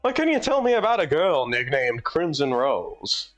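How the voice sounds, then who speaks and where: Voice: mid-range voice, sing-song, moderate pace, faint music behind, natural voice. A streamer voicing a pushy male bar customer with a put-on New York accent, goofy and nasal, asking questions and complaining, in live fan voicing of a game.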